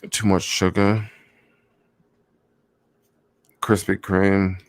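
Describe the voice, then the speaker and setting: A man's voice: low voice, little pitch movement, a little slow, no room sound. A young man chatting casually about stocks on a livestream, rambling with lots of fillers and answering viewers, sounding sleepy. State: sleepy, yawning. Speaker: stock vlogger.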